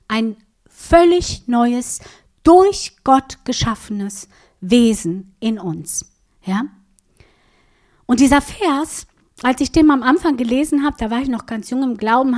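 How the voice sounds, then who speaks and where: A woman preaching a sermon, teaching with a prop and asking her listeners questions. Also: fairly high pitch. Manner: asks the audience questions, lively.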